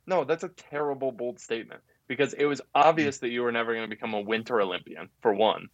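A man's voice: mid-range voice, fast talker, dull audio. A young man co-hosting a podcast in casual chat, teasing and blunt with his friend. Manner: teasing, blunt, laughs easily. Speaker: podcast co-host.

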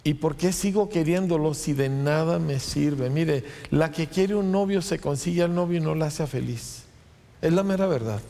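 Gravelly pastor preaching in a church. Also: male voice, on the high side, dark tone. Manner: preaching with rhetorical questions and quick asides. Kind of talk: sermon. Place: church sanctuary. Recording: long church reverb.

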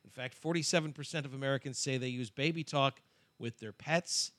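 A man's voice: mid-range voice, fairly quick, fairly bright tone, no room sound. A man co-hosting a casual podcast, reading out poll figures in a dry, matter-of-fact way. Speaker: co-host.

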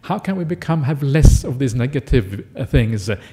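A Norwegian-born Buddhist monk of middle age gives a relaxed, conversational Dharma talk scattered with "uh" fillers and "yeah?" check-ins. He speaks at medium pitch and a moderate pace.

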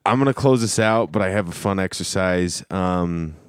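A man's voice: deep voice, moderate pace, clean tone, dry recording, studio quality. A man hosting a podcast in casual comedic chat, with a joking, irreverent way of talking. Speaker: podcast host.

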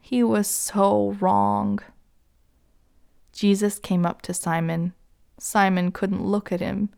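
A woman tells a children's story in an unhurried, gentle way. Now and then she turns to the young listener with a question. Her voice is mid-pitched with a light gravelly texture. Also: animated.

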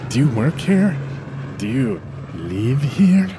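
An actor playing a wary disguised arsonist who answers in hesitant, baffled fragments. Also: male voice, medium pitch, sing-song, slow pace, background noise. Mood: puzzled.

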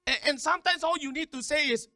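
A man preaching a sermon, repeating words in quick stammering runs and calling on the congregation to respond. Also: very high-pitched, pushed and bright, no echo, clean studio sound. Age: 50s. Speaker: pastor.

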